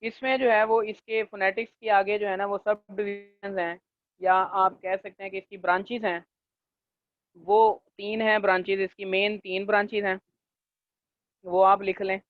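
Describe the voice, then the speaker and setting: A male linguistics lecturer teaching a class, leaning on fillers and checking in often, and slowing down to dictate definitions. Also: high-pitched, level tone, dry recording. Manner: leans on the filler "jo hai na" and checks in with "theek hai"; slows down to dictate English definitions. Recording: tinny, dry, phone-like recording.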